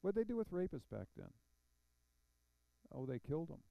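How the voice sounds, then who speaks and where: A man's voice: fairly high pitch, very animated, moderate pace, gravelly, no echo, highs cut off. A man teaching an adult Bible class, reading scripture aloud and explaining it with questions to the class. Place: church classroom.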